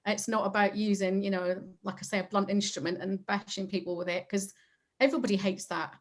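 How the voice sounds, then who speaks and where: Female business owner, mid-pitched voice, chatty and emphatic in informal discussion. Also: steady tone, fairly quick. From Highlands of Scotland. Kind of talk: casual chat, answering interview questions.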